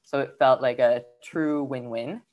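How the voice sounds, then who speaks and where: Very low-voiced woman, casual and chatty. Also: unhurried, highs cut off. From Peru. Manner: relaxed, filler-heavy, lots of "like" and "um". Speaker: fashion brand founder. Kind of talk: casual interview chat.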